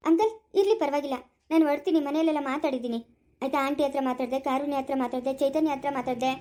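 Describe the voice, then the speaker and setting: A woman's voice: high-pitched, rapid-fire, warm tone, pitched below the performer's own voice, natural voice. A woman voicing a polite, shy young male doctor in a cartoon. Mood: gentle.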